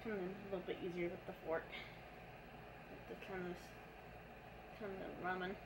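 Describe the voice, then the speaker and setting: A woman's voice: on the low side, normal speed. Woman talking while chewing food. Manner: relaxed, rambling, filler-heavy. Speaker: vlogger. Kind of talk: casual eat-with-me vlog chat. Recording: clear background noise.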